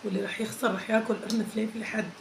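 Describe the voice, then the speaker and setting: A woman's voice: mid-range voice, flat delivery, rapid-fire. A woman with a Levantine Arabic accent chats casually during an eating challenge, talking as if her mouth is burning from spicy food. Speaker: vlogger doing a spicy noodle eating challenge. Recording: echoey room with clear background noise.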